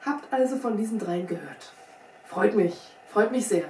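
A woman's voice: medium pitch, expressive, normal speed, a little mellow, close to an everyday voice. A sly little old scout of the frontier, folksy and wry, sure of himself, as a woman puts him on. He is heard from some way off in a roomy space. A faint hiss sits under the voice. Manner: folksy, drawling, wry, self-assured. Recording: roomy sound from a distant mic, faint hiss.

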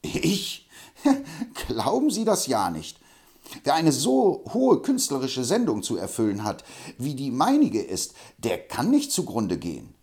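A man's voice: mid-range voice, wildly swooping pitch, measured pace, a little mellow, pitched above the performer's own voice. A man reading an audiobook, voicing a fussy, self-important older music teacher with a pompous way of talking.

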